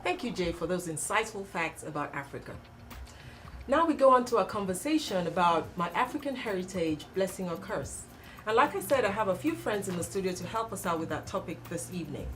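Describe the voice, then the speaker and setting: A woman's voice: fairly low pitch, big pitch swings, a little fast, a bit bright, soft background music. A woman hosting a studio talk show, welcoming guests and steadily asking them questions.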